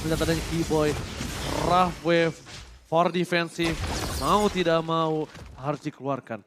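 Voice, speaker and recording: An Indonesian man shoutcasting an esports match play-by-play like an excitable fighting game announcer, over noisy live event sound. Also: on the high side, measured pace.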